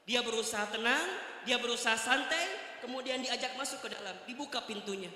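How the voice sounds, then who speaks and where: A man's voice: very high voice, fairly quick, sharp tone. A man preaching a sermon, telling a story animatedly and switching between voices. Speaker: Islamic preacher. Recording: echoey hall reverb.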